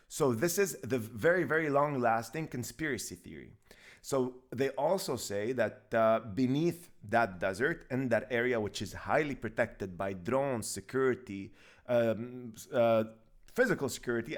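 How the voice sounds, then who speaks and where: A man's voice: medium pitch, normal speed. A young man from Lebanon, co-hosting a podcast in casual comedic chat, rambling and joking as he explains. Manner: rambling, jokey, slips into a put-on accent. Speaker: podcast co-host.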